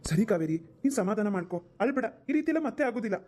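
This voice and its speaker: A woman's voice: medium pitch, lively intonation, rapid-fire, mellow, natural voice. A woman voicing a flustered young husband in a cartoon, pleading and exasperated. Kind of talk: cartoon voice acting.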